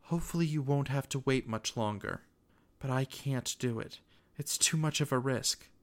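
Man as kind woman, recently dead mother, gentle, composed, earnest, resolute, audio storytelling. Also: medium pitch, moderate pace, close to an everyday voice. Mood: gentle resolve. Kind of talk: dramatic storytelling.

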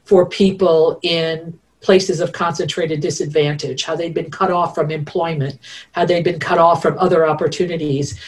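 A woman's voice: on the low side, distant mic. A middle-aged woman, a network researcher, talking in a reflective, chatty way with many fillers as a podcast guest over a video call. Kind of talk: casual interview talk. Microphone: remote video call.

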